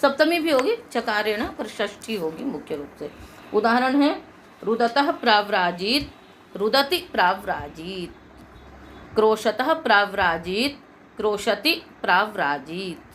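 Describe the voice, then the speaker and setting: A woman's voice: medium pitch, very animated, measured pace, fairly bright tone, slight background noise, poor audio. A woman with a Hindi accent teaching Sanskrit grammar, patiently explaining rules and asking the class questions. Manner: patient, asks the class questions and answers them herself.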